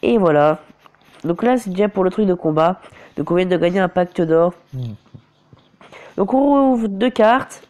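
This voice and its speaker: A mobile game commentator with a cold and sore throat talks through his play in an unhurried, expressive way, leaving long pauses. His high-pitched voice is clear and resonant, a little mellow. Captured via phone screen recorder, he often trips up and corrects himself.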